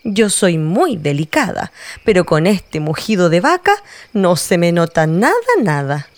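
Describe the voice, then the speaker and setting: A woman voicing a delicate butterfly that moos like a cow, in a lower storybook voice. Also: big pitch swings, unhurried, no room sound. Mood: embarrassed. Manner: lower, mooing.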